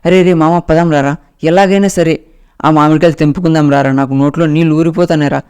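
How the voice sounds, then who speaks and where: A man putting on a pushy, excitable teenage boy who begs and coaxes his friend along. His voice is smooth and clear and a little high, and he rushes his words in a told ghost story. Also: natural voice. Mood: excited. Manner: pleading, excitable, coaxing.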